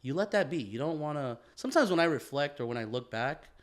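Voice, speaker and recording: A podcast co-host with a slightly high, expressive voice talks quickly in a casual, reflective way. He swears freely, repeats phrases, and throws in "man" and "bro" often.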